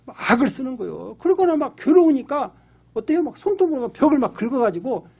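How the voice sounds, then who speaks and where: Lively, husky-voiced Korean pastor preaching. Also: male voice, very high-pitched, fairly quick. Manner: emphatic storytelling, acts out pleading voices. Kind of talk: sermon.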